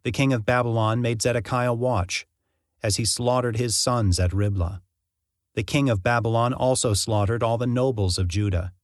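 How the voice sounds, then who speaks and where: A man narrating a Bible passage in an even, measured reading style. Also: medium pitch, no room sound, studio quality. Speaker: scripture reader.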